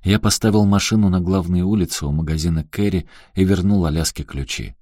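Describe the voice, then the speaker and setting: A man reading a novel aloud as an audiobook narrator, in a measured, even way. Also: deep voice, no room sound, studio quality. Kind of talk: scripted narration.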